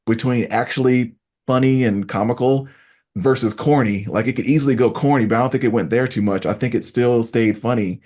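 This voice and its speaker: A man's voice: medium pitch, a little fast. A man hosting a casual podcast chat, talking animatedly and acting out quotes to make his points. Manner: animated, acts out quotes when making a point. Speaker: podcast host.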